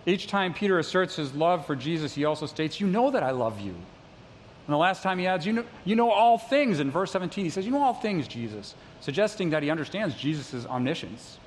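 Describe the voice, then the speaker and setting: A middle-aged male pastor delivers a sermon in a relaxed, conversational way, slipping in self-deprecating asides to the congregation. His voice sits a little high for a man. The sound carries a long reverb from a big hall, with a faint hiss underneath. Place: church sanctuary.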